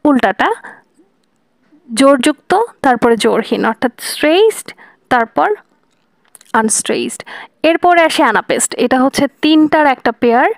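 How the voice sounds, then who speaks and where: A woman teaching a lesson, patiently explaining step by step and slowing down to sound out examples. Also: sits high, no echo. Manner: patient, repeating and spelling out examples slowly.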